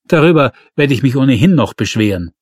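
A man's voice: mid-range voice, expressive, a little fast, darkish tone, dry recording, clean studio sound, close to an everyday voice. A man voicing an irate, blustering male shop owner who complains indignantly.

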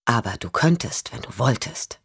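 A woman voicing a calm male investigator who questions gently and patiently, for an audiobook. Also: a bass voice, moderate pace, husky, dry recording, clean studio sound, full character voice.

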